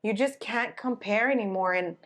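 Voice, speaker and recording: A woman's voice: medium pitch, normal speed, a bit bright. A woman in her twenties co-hosting a casual chat podcast, telling stories in a chatty way and slipping into Spanish phrases. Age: 20s. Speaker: podcast co-host.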